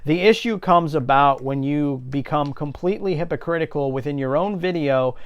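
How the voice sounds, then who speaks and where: A man speaks in a clear, resonant voice that sits slightly high. He delivers unscripted opinion commentary as a rant. His manner is blunt and indignant, peppered with swearing. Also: normal speed, highs cut off. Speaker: video creator giving commentary.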